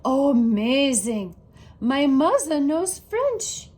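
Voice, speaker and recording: A woman voicing an excitable little girl who adores fancy things, with a dramatic, grandly precious delivery in a storybook. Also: sits high, takes it slowly, exaggerated voice. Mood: thrilled.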